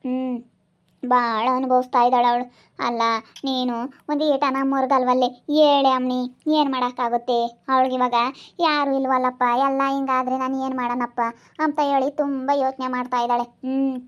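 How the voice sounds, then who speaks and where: An older mother, acted by a woman, soothes and repeats herself. Her voice sits high and keeps to a narrow pitch. The recording has a dull, lo-fi sound. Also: natural voice. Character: older mother consoling her upset daughter.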